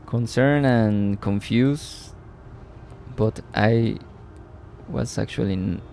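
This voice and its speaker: His voice is on the low side, dark and edged with vocal fry, and he takes his time. He narrates a city-building game live in his second language, English, musing aloud, sounding puzzled at moments, and greeting chat, with slight background noise.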